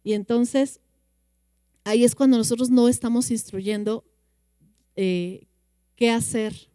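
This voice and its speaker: A woman with a Mexican Spanish accent teaches parents in an earnest church talk, drawing out key words for emphasis. Her voice sits a little high yet mellow and smooth. The recording is dry and close. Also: steady tone, no echo. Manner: earnest, slows down for emphasis and acts out children's replies. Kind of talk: teaching talk with Bible quotes.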